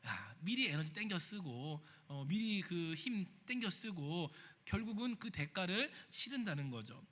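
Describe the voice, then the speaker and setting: Animated high-voiced male pastor preaching. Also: unhurried, long reverb tail. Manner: lively preaching, acting out quoted voices and asking the congregation questions. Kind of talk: sermon. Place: church sanctuary.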